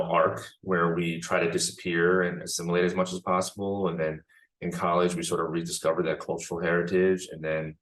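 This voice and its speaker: A man's voice: very deep voice, fairly bright tone, poor audio. A young man, a filmmaker, answering interview questions in a reflective, rambling way with many restarts. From born in China, raised in the United States. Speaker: guest filmmaker.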